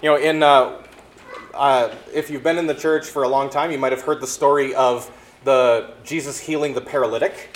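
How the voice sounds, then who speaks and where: A man preaching a sermon, reading scripture and then explaining it with lively acted-out exchanges. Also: medium pitch, normal speed. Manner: animated preaching, acts out exchanges in quoted voices. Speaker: pastor.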